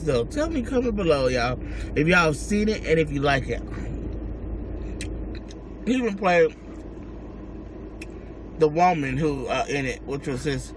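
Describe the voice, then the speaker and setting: A man's voice: on the high side, noisy background. An American man talking casually to his viewers as he eats, chewing between and during his words. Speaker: mukbang vlogger. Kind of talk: casual chat to viewers while eating.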